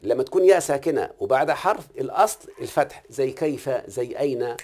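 A man with an Egyptian Arabic accent talks quickly through a grammar lesson, pressing his student with questions. His voice sits at an ordinary middle pitch. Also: animated, a little mellow. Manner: questioning, repeatedly checks the student understands. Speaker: Quran recitation teacher. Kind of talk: one-on-one grammar and recitation lesson.

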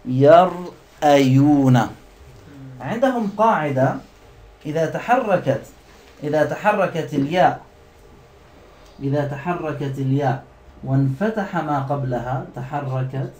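Guy teaching a class, kinda high voice, says words over slowly and keeps asking the students. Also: a little mellow, reverberant. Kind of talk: classroom lesson.

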